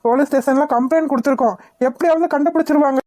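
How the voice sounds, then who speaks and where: Woman doing an earnest young cartoon son, fast, mellow. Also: high-pitched, no room sound, close to an everyday voice. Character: young man, earnest son reassuring his mother. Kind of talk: cartoon voice acting.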